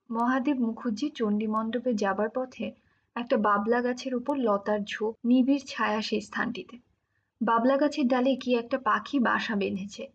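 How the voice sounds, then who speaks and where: A woman narrating an audiobook of a classic novel in an even, measured storytelling manner. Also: on the high side, slightly rough. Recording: dull lo-fi recording.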